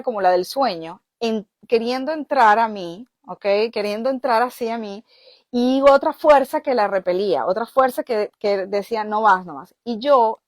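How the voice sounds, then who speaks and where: Animated woman telling a story. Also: medium pitch, dry recording, studio quality. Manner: animated storyteller, checks in with frequent "ok?" and "este". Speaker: spiritual healer and coach. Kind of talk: personal storytelling talk.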